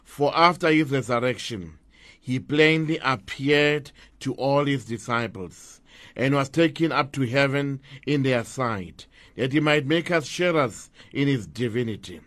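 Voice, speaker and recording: A man's voice: medium pitch, a little slow, a bit bright, no room sound. A man speaking as a priest at Mass, reciting liturgical prayers in a solemn, formal way.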